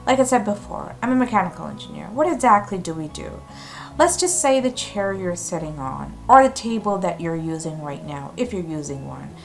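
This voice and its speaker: A woman in her thirties, a mechanical engineer, giving a clear, upbeat, explanatory scripted career talk. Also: on the low side.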